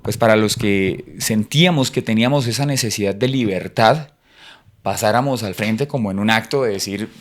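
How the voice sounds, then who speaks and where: A man's voice: lowish voice, normal speed. A middle-aged man from Cúcuta, Colombia, with a Cúcuta accent, sharing a personal faith testimony as an interview guest in a reflective, hesitant way. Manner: reflective, hesitant, many fillers.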